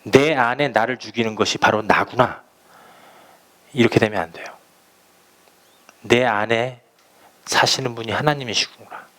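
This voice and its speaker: A man preaching a sermon as pastor, speaking slowly and emphatically, and acting out little stories for his listeners. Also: medium pitch, a bit bright. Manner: emphatic preaching, slow deliberate phrasing, acting out anecdotes.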